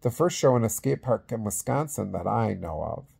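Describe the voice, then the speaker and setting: A man in his forties speaking as a casual awards presenter, halting and conversational, into a phone held at arm's length in a small room. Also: lowish voice, very animated, vocal fry, darkish tone, husky. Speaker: vlog host presenting awards. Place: small indoor room with plain wall.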